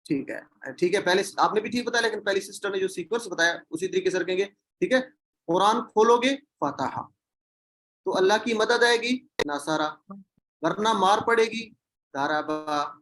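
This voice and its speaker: A man's voice: sits high, a bit bright. Urdu-speaking man teaching a Quran class. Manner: asks the class questions and repeats key words. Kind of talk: online class lesson.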